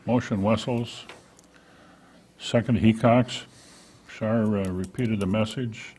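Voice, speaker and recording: Low-voiced man chairing a council meeting. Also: fairly even intonation, slow pace, a little mellow, husky. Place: council chamber.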